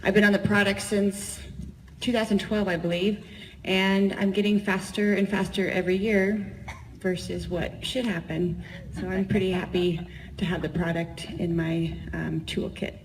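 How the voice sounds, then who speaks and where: A woman's voice: mid-range voice, flat delivery, moderate pace, noisy background. A woman in her forties speaking on an athlete panel, cheerful and straightforward. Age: 40s. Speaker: panelist, triathlete.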